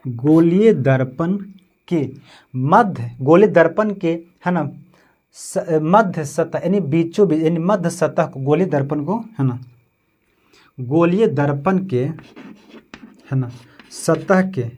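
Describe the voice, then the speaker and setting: A man's voice: on the high side, slow, long pauses, darkish tone. A man with a Bihari Hindi accent teaching a physics lesson, repeating terms and asking questions that he answers himself. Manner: repetitive, checks with 'समझे?' and 'है ना'; asks questions then answers them himself.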